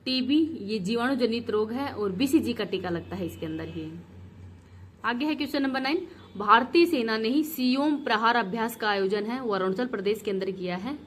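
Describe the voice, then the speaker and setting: A woman teacher giving an exam revision lesson, repeating each word slowly to drill its correct spelling. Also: fairly high pitch, slight background noise.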